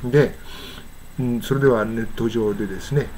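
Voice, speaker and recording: An older man from Japan, teaching English pronunciation in a casual lesson, patiently repeating words slowly to show how they sound. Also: medium pitch, fairly even intonation, darkish tone, slight background noise.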